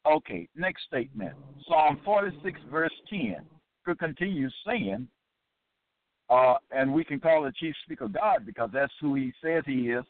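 A man teaching from scripture in an emphatic monologue, repeating key phrases and stretching out quoted verses. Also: a little high. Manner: drags out scripture quotes slowly. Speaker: Bible teacher. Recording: dry, tinny phone-like sound.

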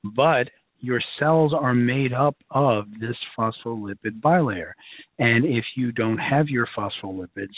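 Man, Brooklyn accent, husky voice, informal emphatic lecturer, folksy asides, thin phone-quality sound. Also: medium pitch, measured pace, no echo. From Brooklyn, New York. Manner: emphatic, conversational, folksy, checks in often. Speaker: lecturer, health educator. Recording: narrow phone-like line.

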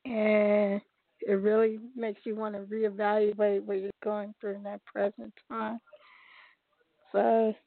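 A woman's voice comes through a tinny phone line as she calls in to a radio show. She speaks earnestly and from the heart, in a flat, even tone with little rise and fall. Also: medium pitch, dry recording. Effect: heard over a phone line. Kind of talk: call-in chat.

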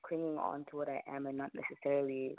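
A young woman with a Zambian-American accent speaks in a low, creaky voice. She is a guest in a conversational interview and picks her words with some hesitation. The sound is a dry, tinny phone line. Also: little pitch movement, fast, dry recording. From United States, born to Zambian parents. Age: young adult. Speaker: roundtable guest. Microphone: phone call.

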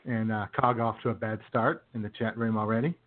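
A comedy podcast co-host trades casual jokes and mock-serious remarks, speaking fairly quickly in a lowish, steady voice. The audio is tinny, like phone-quality internet radio.

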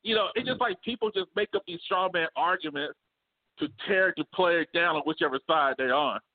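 Co-host, male, high pitch, animated sports banter over a phone-quality line. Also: a little fast. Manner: animated, laughing, riffing. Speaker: podcast co-host. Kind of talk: casual sports debate. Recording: phone-like narrow band.

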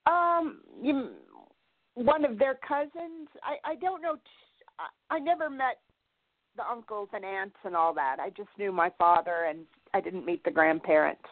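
A woman caller on a psychic show who answers in a hesitant, halting way and is often unsure. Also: mid-range voice, expressive, no echo. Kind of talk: phone call to radio show. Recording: dry, tinny phone line.

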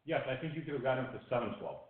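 Fast-talking joking man on an echoey phone line. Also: mid-range voice. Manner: joking, loose, with many restarts and wisecracks. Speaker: podcast co-host. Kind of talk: fantasy football draft show talk.

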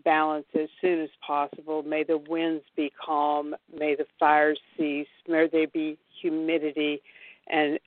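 A woman's voice: deep voice, monotone, measured pace, no echo. A woman from the American South calling into a radio show over a phone line, earnest and rambling with many restarts. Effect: caller heard over a phone line. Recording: tinny phone line, dry.

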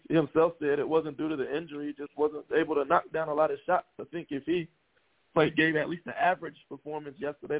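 A man with a fairly high, creaky voice explains sports in a measured, casual way as a radio panelist. The audio is thin and phone-like. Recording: narrow phone-line sound.

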